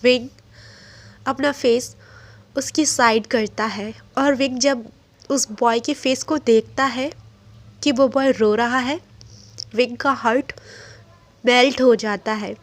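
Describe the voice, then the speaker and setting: A woman's voice: on the high side, fairly even intonation, slow pace, long pauses. A woman narrating a fan-fiction love story with emotion, mixing English words into her telling.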